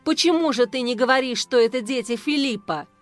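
A woman's voice: high voice, brisk, natural voice. A woman reading the lines of a jealous young husband who answers curtly and accuses, over faint music. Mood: bitter. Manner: curt and accusing.

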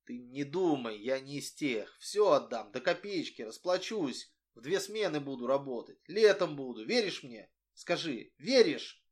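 Guy reading as a teen boy, quiet and pleading, kinda low-key. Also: expressive, a little slow, few pauses, natural voice. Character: troubled teenage boy, earnest and pleading.

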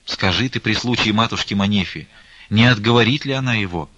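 A man's voice: fairly low pitch, brisk, fairly bright tone, no room sound. A man voicing a worried, thoughtful older servant who speaks in a folksy, pondering way, on a dull lo-fi recording.

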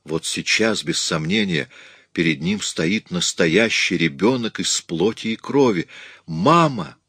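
A man reading a story aloud as an audiobook narrator, in a measured, steady storytelling manner. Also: deep voice, gravelly, slightly rough, dry recording, clean studio sound. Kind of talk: scripted narration.

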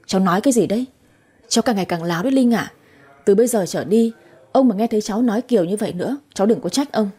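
Old man, stern grandfather and doting husband in a spoken story, read by a woman; breathy, mellow. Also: mid-range voice, very fast, lightly acted. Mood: scolding. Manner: scolding toward granddaughter, tender toward wife.

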